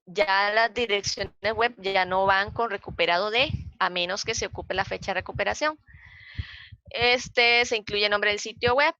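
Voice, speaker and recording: Bright-voiced Costa Rican woman teaching. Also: mid-range voice, no room sound. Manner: patient, repeats points, counts aloud slowly. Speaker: librarian giving a citation workshop. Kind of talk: explaining slides in a training session. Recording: dull, dry lo-fi sound.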